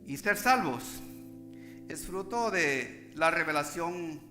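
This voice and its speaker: A man's voice: on the high side, expressive, slow pace, bright, forceful tone, echoey room, soft background music. A man preaching a sermon as pastor, speaking emphatically and often checking in with the congregation.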